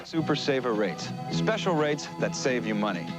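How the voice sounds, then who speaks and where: A man's voice: mid-range voice, big pitch swings, moderate pace, over loud music, natural voice. A man reading an advertising voice-over as a commercial announcer.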